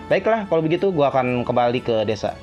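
A man casually reading and translating game dialogue, halting and correcting himself as he goes. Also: medium pitch, lively intonation. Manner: halting, self-correcting delivery. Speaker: gameplay video host. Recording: dull lo-fi sound, music behind.

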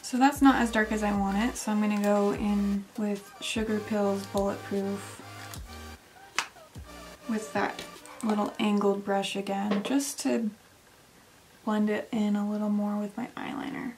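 Young woman, makeup tutorial, casual step-by-step talk, soft near-whispers at times, faint music behind. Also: medium pitch, flat delivery, measured pace. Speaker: makeup vlogger.

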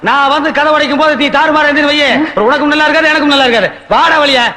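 Henpecked rich patriarch, quick talker, shouts threats. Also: male voice, very high voice, fairly even intonation. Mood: bullying. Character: blustering older rich father-in-law, henpecked. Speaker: actor playing a rich bearded father-in-law. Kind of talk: film comedy dialogue.

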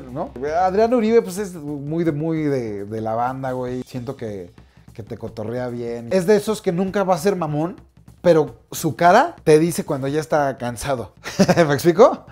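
Slangy Mexican man, higher voice. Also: a little mellow. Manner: slang-heavy, playful, acts out other people mid-story. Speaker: comedian and YouTuber. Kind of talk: casual anecdotal vlog.

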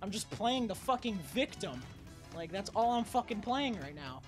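A young female streamer rants through her game in exasperation, a raging gamer who swears constantly. Her voice sits at an average pitch for a woman. Faint video game music plays underneath her commentary. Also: very animated, moderate pace. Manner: exasperated, ranting, foul-mouthed raging gamer. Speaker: gaming streamer. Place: indoor room at home.

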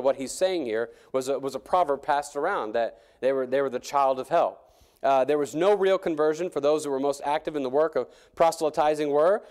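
A man preaching a sermon in a church, talking in a halting way with many fillers and restarts. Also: on the high side, a little mellow.

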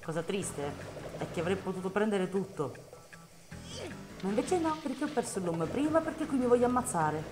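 A woman streams a game live, muttering to herself and yelling at the screen when it goes wrong. Her pitch leaps and swoops as she talks. Game music plays clearly behind her. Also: lively intonation, normal speed. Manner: frustrated outbursts, swearing, talking to the game. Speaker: gameplay streamer. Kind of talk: live gameplay commentary.

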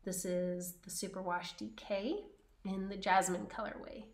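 A woman co-hosting a podcast, chatting casually and slowly about her knitting with frequent ums. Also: mid-range voice, level tone, reverberant. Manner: slow, chatty, many ums. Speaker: podcast co-host.

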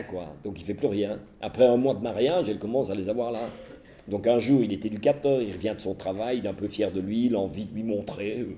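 Middle-aged man, mellow voice, telling jokes. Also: medium pitch. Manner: lively storytelling, mimics characters' voices. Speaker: therapist giving a talk. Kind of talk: humorous lecture with acted anecdotes.

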